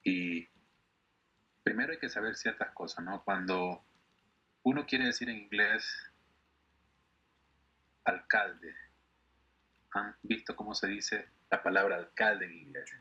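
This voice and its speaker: Male teacher, patient and explanatory, bright edgy tone on dull call audio. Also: on the low side, breathy edge. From Ecuador. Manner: patient, explanatory, repeats words slowly for students. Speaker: English teacher. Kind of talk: online class instruction.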